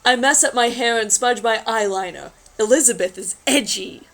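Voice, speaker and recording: A woman's voice: a little high, normal speed, a bit bright, rough recording. A woman reading a magazine story aloud in a casual group chat, adding wry, sarcastic asides.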